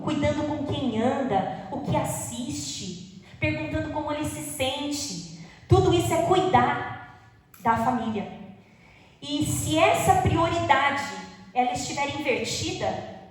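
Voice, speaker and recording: A woman teaching a Bible study in church, talking in a conversational way, asking the listeners questions and acting out quoted parents. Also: sits high. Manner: acts out quoted parents and children. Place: church hall. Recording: very echoey hall, speaker far from the mic.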